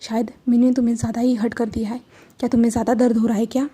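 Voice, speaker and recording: A woman voicing a calm young man who speaks with soft, gentle reassurance, in a fan-fiction audio story. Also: fairly high pitch, racing, husky. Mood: tender soothing.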